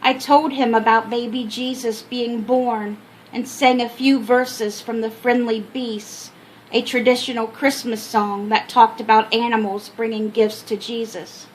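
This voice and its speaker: An older woman with an American accent reading her own memoir aloud as an expressive storyteller. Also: a little high, a little slow, slight background noise, rough recording. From Minnesota, United States. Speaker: author telling her life story. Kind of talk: scripted memoir narration.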